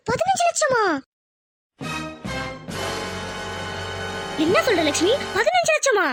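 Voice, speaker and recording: A woman's voice: very high voice, quick pace, over music. A woman voicing a worried elder sister-in-law in a cartoon, exclaiming in alarm. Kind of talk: cartoon voice acting.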